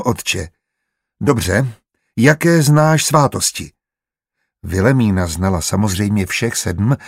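A man narrating an audiobook in a measured, even storytelling manner. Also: medium pitch, breathy edge, dry recording, clean studio sound.

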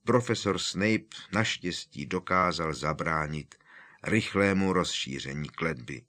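Audiobook: gentle, unhurried old headmaster, read by a man, deep. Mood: calm. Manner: measured, soothing. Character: wise, calm elderly male headmaster. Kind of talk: audiobook character voice.

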